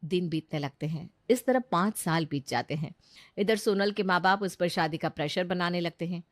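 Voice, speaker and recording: A woman giving scripted, expressive narration for a children's cartoon story. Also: on the low side, normal speed, no room sound, studio quality.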